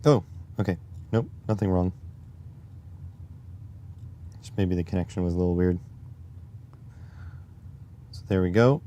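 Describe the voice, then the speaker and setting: A man with a raspy voice live-streaming while testing circuit boards, muttering to himself as he works and reading chat aloud. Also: sits low, mellow, slight background noise. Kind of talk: casual live-stream electronics tinkering.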